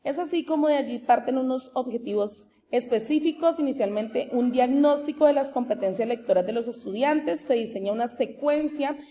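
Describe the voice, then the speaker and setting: Woman giving a formal academic presentation. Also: high voice. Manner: steady, explanatory, with occasional restarts. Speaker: master's degree candidate presenting her thesis.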